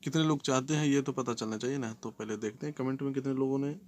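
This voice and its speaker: A man's voice: medium pitch, quick pace, darkish tone, a little hiss or hum. Man walking through exam questions. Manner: explains in Hindi, reads questions in English, keeps adding "है ना". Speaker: exam tutor.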